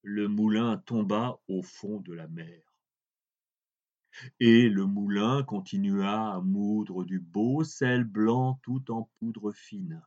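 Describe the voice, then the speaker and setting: A man reading a fairy tale aloud in an expressive way, drawing out words for emphasis. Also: on the low side, slow. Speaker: storyteller. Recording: dull lo-fi recording.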